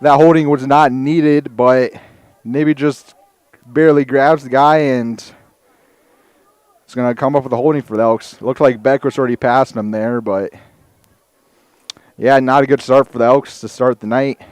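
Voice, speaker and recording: Breathless high school football announcer. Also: male voice, fairly even intonation, normal speed, pauses often, darkish tone, clean tone, dry recording. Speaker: play-by-play announcer.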